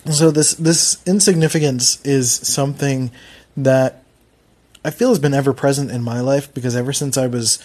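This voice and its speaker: In a steady, darkish voice of medium pitch and moderate pace, a man from Philadelphia hosts a laid-back solo podcast. He rambles and runs himself down, his Philly accent clear throughout.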